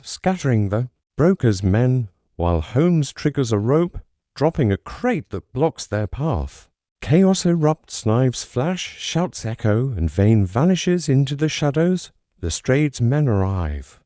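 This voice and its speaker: Male storyteller, slow and dramatic, mellow tone, dry close sound. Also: medium pitch, dry recording. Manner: dramatic, suspenseful reading. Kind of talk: scripted story narration.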